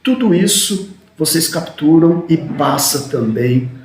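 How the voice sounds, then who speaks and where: A man teaching a recorded video lecture, talking quickly and tagging his sentences with questions to the students. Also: on the high side, expressive, reverberant, a little hiss or hum. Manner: talks fast, often adds "né?".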